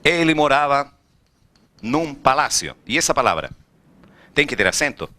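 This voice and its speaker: A man with a mid-range voice teaches Spanish at a moderate pace in a recorded classroom lecture. He's lively and often poses rhetorical questions to his students.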